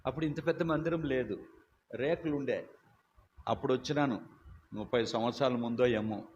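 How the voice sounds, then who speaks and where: Older male preacher, loud and emphatic storyteller, slight hiss behind. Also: medium pitch, normal speed. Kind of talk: sermon. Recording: dull lo-fi recording with faint hiss.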